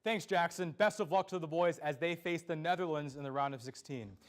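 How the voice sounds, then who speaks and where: A man's voice: a little high, brisk. A young man hosting a student sports news show, speaking in an earnest, scripted anchor delivery. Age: young adult.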